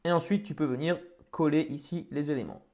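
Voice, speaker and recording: Casual French man explaining software. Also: a little high, brisk. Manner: casual, many fillers and restarts. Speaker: tutorial host. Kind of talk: screen-recorded software tutorial.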